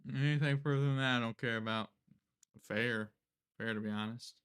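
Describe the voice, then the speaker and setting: A man's voice: medium pitch, steady tone, normal speed, a bit bright, clean tone. A young man live-streaming, chatting casually and rambling with lots of fillers and casual swearing. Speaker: livestreamer.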